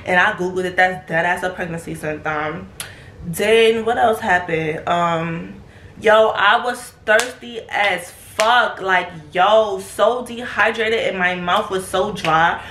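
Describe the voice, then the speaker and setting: A woman's voice: medium pitch, slow, echoey room, slight background noise. A young woman telling a casual, profane storytime about her pregnancy to her viewers. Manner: slangy, profane, animated, breaks into laughter. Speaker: vlogger.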